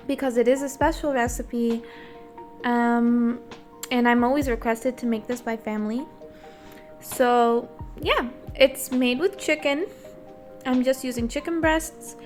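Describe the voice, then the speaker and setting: Slightly scratchy higher-voiced woman, casual cooking voice-over. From Portugal. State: slightly scratchy throat, voice a little off. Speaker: home cook hosting a recipe vlog. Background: background music.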